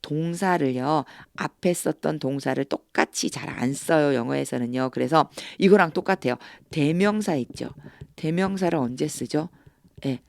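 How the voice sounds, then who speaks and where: A teacher giving a language lesson on a Bible passage, reading English lines slowly and then explaining them with drawn-out emphasis. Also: medium pitch, gravelly, a little mellow, dry recording. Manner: drawn-out, emphatic example phrasing.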